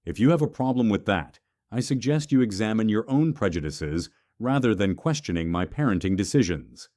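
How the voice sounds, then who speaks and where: A man reading the part of a protective father who speaks calmly and firmly. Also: fairly low pitch, normal speed, dry recording, clean studio sound, natural voice. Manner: calm, firm. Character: protective wealthy father, calm and firm.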